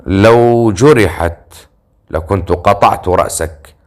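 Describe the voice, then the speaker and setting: A man voicing a stern, icy male warrior who speaks flatly and threatens coldly. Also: fairly low pitch, normal speed, natural voice.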